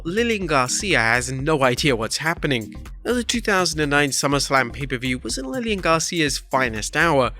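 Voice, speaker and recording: Bright, forceful male countdown narrator over music. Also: on the high side. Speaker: narrator of a wrestling countdown video.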